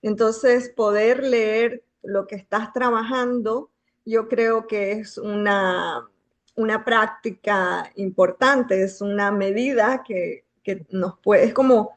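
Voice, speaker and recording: A woman author from Bolivia with a Bolivian Spanish accent, speaking in a reflective way, pausing and searching for words. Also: mid-range voice, steady tone. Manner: reflective, searching for words, many filler pauses. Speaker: guest author. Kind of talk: thoughtful conversation.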